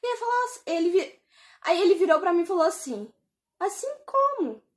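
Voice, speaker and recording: A woman's voice: very high voice, expressive, quick pace, darkish tone. A woman telling of a religious dream in an earnest, emotional way, often repeating her words. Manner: earnest, emotional, repetitive storytelling. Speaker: vlogger.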